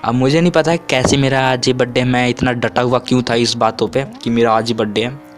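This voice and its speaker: A young man in his twenties tells childhood stories to his viewers in a loose, rambling style. He restarts and corrects himself mid-sentence and jumps into a much higher voice when quoting. His speaking voice sits at a middling pitch for a man. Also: fairly even intonation, a little fast, soft background music. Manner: acts out quotes with sudden high pitch. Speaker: vlogger. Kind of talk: casual storytelling.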